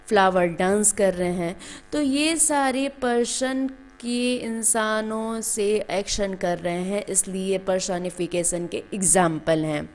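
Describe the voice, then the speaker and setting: A woman teacher explaining grammar to students step by step, asking questions and answering them herself. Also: medium pitch. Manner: calls students "beta". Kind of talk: classroom grammar lesson.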